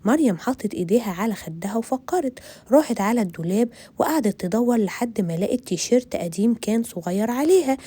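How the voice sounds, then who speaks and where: Egyptian lady reading a kids story, friendly, mellow voice a bit high. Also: animated, fast talker, slightly rough. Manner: friendly, addresses children directly. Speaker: children's storyteller. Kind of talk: children's story narration.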